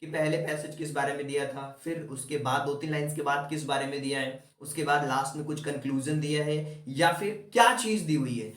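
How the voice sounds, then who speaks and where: A man's voice: fairly high pitch, a little fast, hardly any pauses, fairly bright tone, far from the mic. Young male teacher, echoey room. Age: young adult. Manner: chatty and coaching, mixes English terms into Hindi. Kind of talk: exam-prep lesson. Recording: echoey room, voice set back from the mic.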